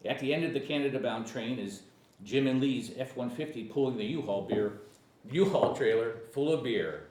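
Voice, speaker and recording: A man narrates screenplay action lines at a comedic table read in a mid-range, darkish voice with lively intonation and normal speed. He's casual, stumbling over words and chuckling along. The recording has an echoey room, distant mic and faint noise.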